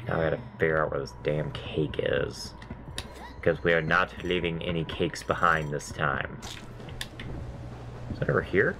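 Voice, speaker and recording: A man with a very deep, nasal voice gives casual let's-play commentary, drifting in loose asides between memories and grumbling at every failed jump. He's rambling and self-deprecating and swears when he dies. A steady hiss runs under the recording.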